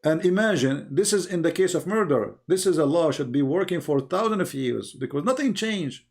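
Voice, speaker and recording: On a live call, a man debating religion lectures the caller in English, which is not his native tongue. His fairly high voice is animated and creaky at a normal speed, and he hammers home points like an insistent teacher while repeatedly posing rhetorical questions.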